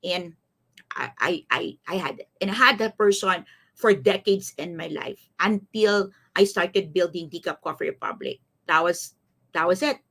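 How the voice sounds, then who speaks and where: Often repeating herself and checking in with her audience, a woman in her fifties from the Philippines gives a motivational coaching talk on her live series. She speaks a little slowly in a low, creaky, slightly bright voice with a Filipino accent.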